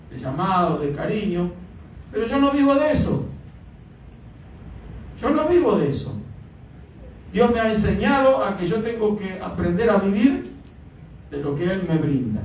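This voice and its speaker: A man's voice: high voice, slight background noise. A male pastor preaching a sermon, pressing each point hard and punctuating it with amens. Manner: emphatic preaching with repeated amens. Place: church. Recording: echoey church hall, mic far off.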